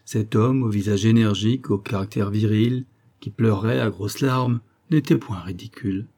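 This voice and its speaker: Male audiobook narrator, measured delivery, husky and dark. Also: on the low side. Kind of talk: scripted narration.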